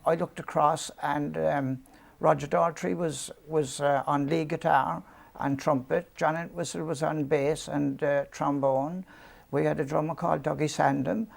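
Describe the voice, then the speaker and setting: A slightly high, creaky voice carries a Cork Irish accent softened over years in London. The man, in his seventies, is an interview guest spinning rambling, self-deprecating yarns about his youth, with many ums and restarts.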